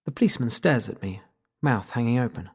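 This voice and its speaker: Gravelly, husky male narrator. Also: mid-range voice, lively intonation, brisk. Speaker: audiobook narrator. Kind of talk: first-person scripted narration.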